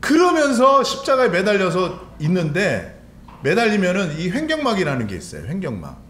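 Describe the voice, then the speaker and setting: A man's voice: high voice, huge pitch swings, normal speed, a bit bright. A man pastor giving a sermon in a church, talking conversationally and putting questions to the congregation. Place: church sanctuary. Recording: echoey church with faint room noise.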